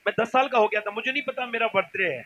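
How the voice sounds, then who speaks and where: A male preacher giving an impassioned sermon before a gathering, swinging from soft storytelling to loud shouted exhortation. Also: extremely high pitch, quick pace, lo-fi sound.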